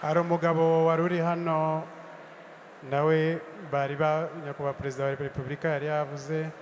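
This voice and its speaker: Male moderator, monotone, hall with faint background noise. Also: fairly high pitch, fast talker. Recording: echoey hall with faint crowd ambience.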